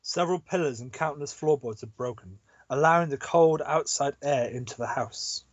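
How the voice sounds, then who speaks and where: A man's voice: on the high side, normal speed, dry recording, highs cut off. A man reading a visual novel aloud with a friend, breaking off into jokes and frequent laughter. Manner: laughs often, joking asides. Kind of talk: casual read-along with banter.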